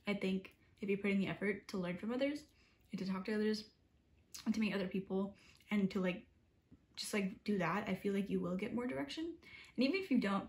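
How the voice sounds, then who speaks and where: A young woman in her early twenties chats straight to camera in a relaxed vlog. She rambles, with "like" after every few words and modest, self-deprecating asides, in an ordinary mid-range voice. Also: mid-range voice, fairly quick. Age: 20s. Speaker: college student vlogger. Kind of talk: casual talking-to-camera vlog.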